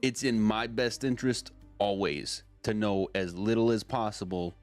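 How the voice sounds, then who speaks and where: A man's voice: lowish voice, normal speed, darkish tone, faint music behind, natural voice. A man voicing a big, sly, secretive shopkeeper with a cartoon tough-guy voice in a tabletop role-play game. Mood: confiding, discreet. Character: big burly shady shopkeeper, discreet and streetwise.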